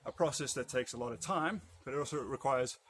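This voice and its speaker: A man's voice: mid-range voice, quick pace, low-quality recording. A man teaching martial arts conditioning, explaining his drills in a practical, loose, unscripted way. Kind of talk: demonstrating and explaining training. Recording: loud background noise.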